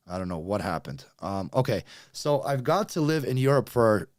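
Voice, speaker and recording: A Russian-born man in his late thirties, Russian his first language, chats casually with livestream viewers while sorting out technical problems, his slight Russian accent audible. His lowish voice swings widely in pitch at a moderate pace, and the sound is clean studio audio with no room sound. He's a chatty YouTube host addressing viewers directly as he fixes the tech.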